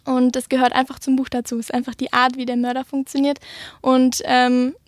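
A woman's voice: high voice, completely flat delivery, fairly quick, dry recording, studio quality. A woman author answering interview questions about her novel, hesitant and full of filler words. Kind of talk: interview answers and reading aloud.

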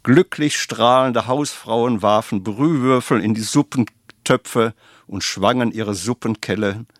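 A man narrating a scripted story in a measured, dramatic way. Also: medium pitch, no room sound, studio quality.

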